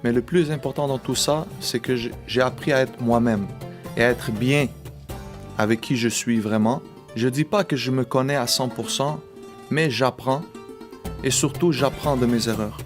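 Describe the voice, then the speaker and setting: A man in his late thirties with a Québécois French accent, reflectively telling his own life story as a personal testimony, measured and with small hesitations. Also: mid-range voice, music in the background. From Quebec, Canada.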